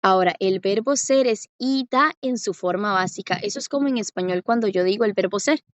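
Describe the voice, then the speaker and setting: A woman's voice: medium pitch, no room sound, muffled recording. Patient woman teaching. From Costa Rica. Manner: patient, slows down to spell out examples with rising checks. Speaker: Korean language teacher. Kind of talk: classroom lesson.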